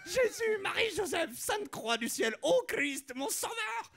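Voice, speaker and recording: A man voicing a fanatical woman politician with a German accent, ranting in a shrill, pious way. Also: very animated, measured pace, creaky, sharp tone, full character voice. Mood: ecstatic ranting.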